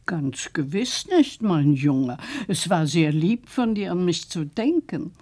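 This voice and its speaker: A kindly old lady of good family in a radio play. Her voice is soft-edged, dark and a little low. She speaks with gracious affection. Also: animated, slow. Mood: fond. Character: kindly genteel old lady, fond of young gentleman. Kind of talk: German radio play acting.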